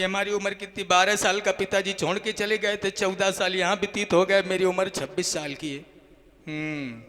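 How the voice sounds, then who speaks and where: A man with a very high, bright voice narrates a devotional folk tale at a slow pace. He voices the quoted speakers in turn as he tells it. The sound carries a long hall reverb with faint music behind. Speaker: folk bhajan storyteller. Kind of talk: sung and spoken devotional story.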